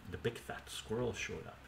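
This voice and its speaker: The host, an older man, cooks live in his home kitchen, easily chatting, reading chat and describing each step as he works. His voice has a fairly low pitch and vocal fry at normal speed. The noisy, roomy, distant audio comes from a camera mic some way off.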